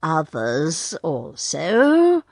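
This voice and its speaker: A woman's voice: sits low, wildly swooping pitch, a little mellow, dry recording, exaggerated voice. Bagheera, a woman voicing a dry stern panther. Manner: dry, measured.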